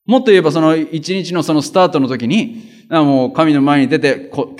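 A man preaching as a pastor, in a lively, colloquial way with vivid sound words. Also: fairly high pitch. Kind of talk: conversational sermon.

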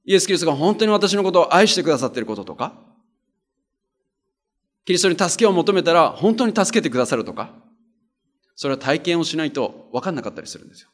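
A man's voice: fairly high pitch, sing-song, quick pace, pauses often. A man preaching a conversational sermon and reading scripture aloud, earnest and plain-spoken, driving points home by repeating them. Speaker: pastor.

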